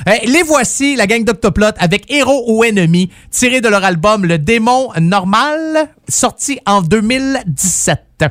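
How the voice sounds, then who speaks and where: A man's voice: sits high, expressive, unhurried, hardly any pauses, fairly bright tone, no echo, studio quality. A man with a Quebec French accent hosting a radio show, joking around as his voice comes out choppy and jerky. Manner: playful, joking, self-mocking. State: choppy, jerky, stuttering delivery. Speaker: radio host. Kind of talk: casual radio show talk introducing songs.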